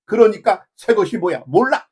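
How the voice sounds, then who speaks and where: A man's voice: high-pitched, animated, moderate pace, darkish tone, breathy edge. An older man preaching a folksy, rambling sermon as a pastor, full of rhetorical asides. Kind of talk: conversational sermon.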